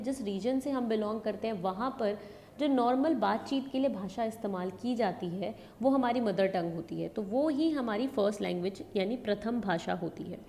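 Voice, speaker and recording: This woman lectures on education with a North Indian accent, her voice fairly high and warm. She weaves English terms into her explanations and repeats important points in different words, heard through hall reverb and background noise.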